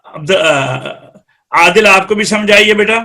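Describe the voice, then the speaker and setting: A man's voice: high-pitched, pushed and bright. A man with a Pakistani Urdu accent teaching Quran recitation rules in a live class, explaining step by step and quizzing students by name.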